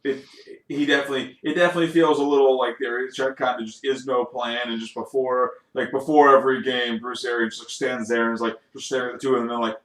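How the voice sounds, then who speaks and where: A man co-hosting a casual sports podcast, joking and animated with quick asides. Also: medium pitch, echoey room. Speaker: podcast co-host.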